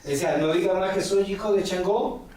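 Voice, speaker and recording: A religious elder in his forties, interviewed as a guest, speaks fairly quickly in a high-pitched, darkish voice, spinning long stories full of quotations and "ujú" fillers. Recorded from a distance and a bit off-mic in an echoey room, with slight background noise.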